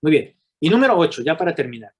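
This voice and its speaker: Man, middle-aged, slightly high voice, animated workshop speaker, rhetorical questions to the audience. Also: fast, breathy edge, dull audio. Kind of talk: live workshop talk to a group.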